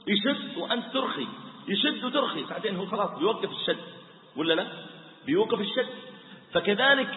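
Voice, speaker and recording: A man preaching a sermon, animated as he tells stories and mimics the people in them. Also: sits high. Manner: animated storyteller, mimics the voices in his stories. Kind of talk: sermon with acted-out anecdotes. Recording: roomy hall, phone-like thin sound.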